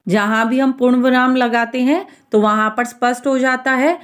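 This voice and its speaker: A woman Hindi teacher giving a grammar lesson, explaining slowly and patiently with small fillers. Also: high-pitched, a bit bright.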